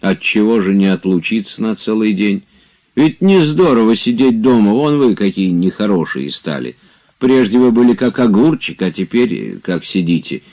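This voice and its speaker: A man's voice: lowish voice, very animated, moderate pace, darkish tone, voice pushed up. A man reading aloud as an old servant who grumbles and pleads with his master in a storybook. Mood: pleading.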